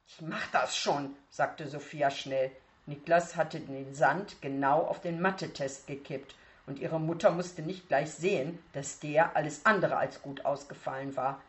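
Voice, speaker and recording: A woman's voice: sits low, fairly even intonation, a little slow. A woman reading a story aloud, acting out the dialogue with expression. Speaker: reader. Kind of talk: audiobook narration.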